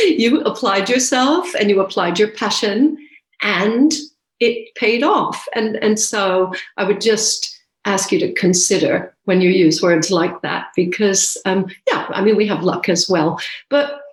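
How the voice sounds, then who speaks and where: Woman, podcast host, mid pitch, direct and encouraging, roomy echo. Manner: direct, encouraging, gently corrective. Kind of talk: interview conversation. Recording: echoey room.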